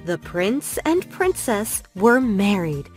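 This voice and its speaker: A woman reading children's stories and rhymes in a gentle, lilting way. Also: mid-range voice, big pitch swings, slow. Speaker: storyteller. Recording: soft music under voice.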